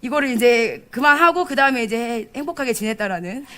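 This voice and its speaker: A young adult woman pastor preaching a sermon, telling stories with animated quoted speech and frequent laughter. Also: fairly high pitch, brisk, background noise. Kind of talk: sermon with storytelling. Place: church service.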